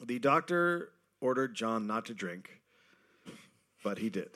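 A man's voice: medium pitch, big pitch swings, slow pace, bright, forceful tone. A man hosting a comedy podcast who tells a history story in a casual way, reads passages aloud, and often breaks into laughter.

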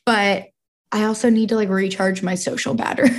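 A bubbly woman in her twenties co-hosts a casual podcast chat, laughing often and peppering her speech with "like" and "dude." Her medium-pitched voice is steady in tone and fairly quick.

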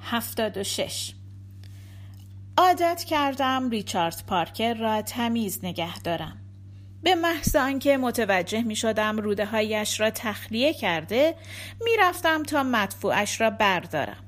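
A woman with a slightly high voice reads an audiobook aloud in the first person. Her delivery is measured and calm, the way a practiced narrator handles a long novel.

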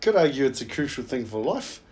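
A man's voice: mid-range voice, very animated, a little fast, a little mellow. A man chatting casually as an interviewer. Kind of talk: casual chat.

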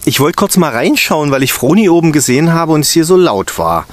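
A man voicing a calm, kind female daycare teacher in a told story, gentle and reassuring. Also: on the high side, brisk. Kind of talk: storytelling with character voices.

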